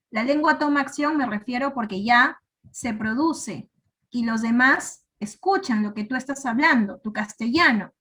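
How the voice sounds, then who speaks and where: A woman's voice: high-pitched, pushed and bright. A woman teacher giving a patient classroom explanation, often stopping to check that her students follow. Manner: patient, checks understanding with frequent tag questions.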